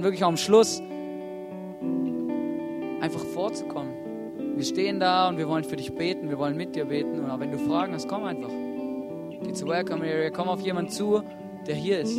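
A man's voice: fairly high pitch, normal speed, long pauses. A man preaching a sermon from a church stage, earnest and urging, putting questions to the congregation and often starting with "hey". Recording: soft guitar music playing behind.

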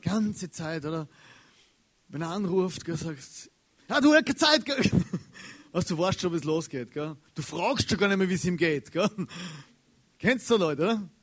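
Animated preacher. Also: male voice, on the high side, moderate pace. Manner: chatty and animated, keeps asking his listeners "gell?" and "oder?". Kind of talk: casual, slangy sermon.

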